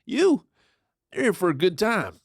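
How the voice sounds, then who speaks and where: In an audio drama, a man plays a sly, cocky Old West outlaw narrating his own tale in the first person, folksy, teasing and conversational, with a sly, confident mood. He uses a full character voice that is high, husky and a little slow, with wildly swooping pitch and no echo, over loud music.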